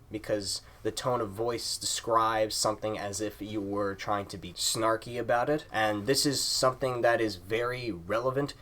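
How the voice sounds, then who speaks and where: Lower-voiced man giving a formal lesson. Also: a bit bright. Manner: measured, formal, repetitive phrasing. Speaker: teacher. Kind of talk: explanatory lesson monologue.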